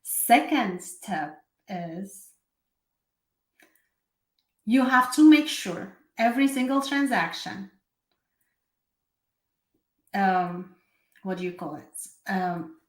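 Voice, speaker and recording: A Syrian-born woman with a mid-range, animated voice hosts a casual live bookkeeping explainer in an echoey room. She speaks very slowly with long pauses, chatty and full of ums, restarts, and self-corrections.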